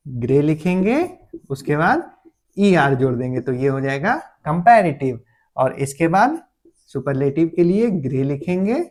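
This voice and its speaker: A man teaching a grammar lesson. He explains patiently, often slows down to dictate words one at a time, and checks in with his listeners as he goes. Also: fairly high pitch, darkish tone. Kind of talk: classroom-style grammar lesson.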